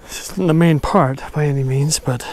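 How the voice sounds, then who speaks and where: A man in his thirties talking casually to camera with a lapel mic while exploring abandoned mines outdoors, easygoing and quick to exclaim. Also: fairly high pitch, a little mellow, slight background noise. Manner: enthusiastic, easygoing, exclaims often. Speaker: mine explorer vlogger. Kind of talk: casual outdoor vlog narration. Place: outdoors in desert hills and mine tunnels.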